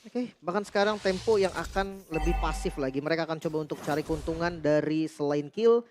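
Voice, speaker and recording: A man's voice: a little high, a little fast, a little mellow, soft background music. A man doing casual live esports commentary in a chatty, colloquial way.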